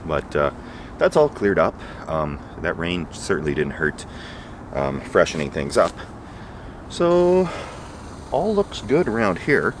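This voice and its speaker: His voice low, slow, and full of big pitch swings, a man in his forties records a casual camping vlog in the woods at night and morning. He addresses a nearby camera with dry, wry asides over background noise.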